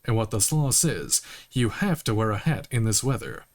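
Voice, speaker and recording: A man's voice: on the low side, animated, moderate pace. A man streaming a game playthrough, reading the dialogue aloud in a playful, laughing, mock-indignant way.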